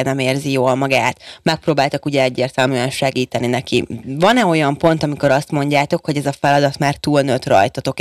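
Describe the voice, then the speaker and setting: A woman with a bass voice hosts a radio talk show from a studio microphone, with no room sound, interviewing school pupils. She encourages her young guests, sums up their answers, and asks follow-up questions.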